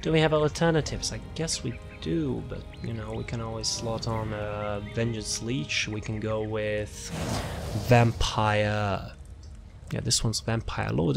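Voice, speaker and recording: Over background music, a man gives a casual, unscripted walkthrough of a video game build. He rambles and repeats words and phrases as he searches for things. His voice is lowish, creaky, and a little slow.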